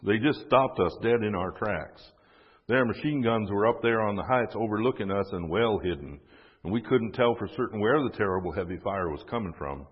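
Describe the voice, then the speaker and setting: A man's voice: fairly low pitch, expressive, moderate pace, husky. A man putting on a plain-spoken southern soldier. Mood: grim. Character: young southern male infantryman recounting battle. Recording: dull, echoey recording.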